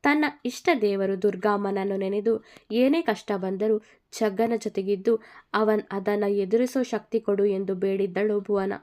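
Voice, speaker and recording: A woman narrating a love story in a calm, even voice. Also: medium pitch, moderate pace.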